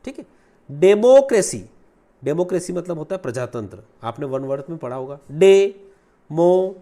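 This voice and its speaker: A man teaching English grammar in Hindi, mixing in English terms and repeating key words slowly. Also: mid-range voice. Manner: lively teacherly delivery, asks and answers own questions.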